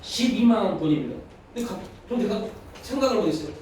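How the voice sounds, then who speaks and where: Male pastor, high voice, earnest sermon, picked up from a distance in a booming sanctuary. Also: animated, fast talker, darkish tone, slight background noise. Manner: earnest, telling a personal story. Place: church sanctuary. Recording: echoey hall from far off.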